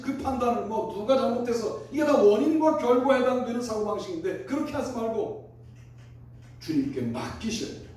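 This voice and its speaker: A man preaching a sermon in a very high voice, posing question after question to the congregation. His voice rings through a big, echoey church hall, picked up from some distance. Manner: preaching with rhetorical questions, animated. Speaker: pastor. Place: church sanctuary.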